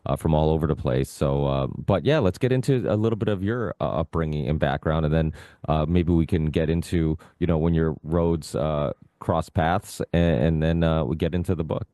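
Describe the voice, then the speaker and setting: A man from Portugal hosting a podcast, asking questions in a relaxed, rambling way with many fillers. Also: extremely low pitch, moderate pace, no echo, clean studio sound. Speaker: podcast host. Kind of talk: interview questions.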